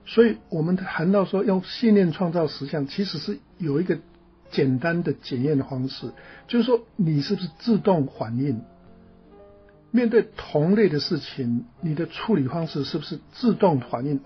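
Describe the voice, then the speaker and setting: A man with a slightly high voice gives a patient lecture, building his points step by step and tossing rhetorical questions at the audience. The recording sounds a little dull and lo-fi, with faint music underneath. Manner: explanatory, rhetorical questions, frequent "哈" tag. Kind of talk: spiritual teaching lecture.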